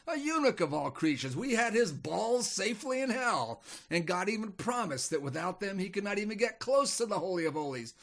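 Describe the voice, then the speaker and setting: A man's voice: high voice, very animated, fairly quick, creaky, hardly any pauses, fairly bright tone, voice pushed up, full character voice. A man voicing Abaddon, a frantic male demon who stammers and complains in agitation. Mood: aggrieved.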